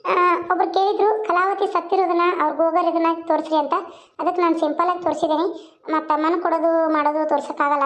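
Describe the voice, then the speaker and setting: A woman cartoon-channel creator giving a chatty, rambling update to viewers. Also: sits high.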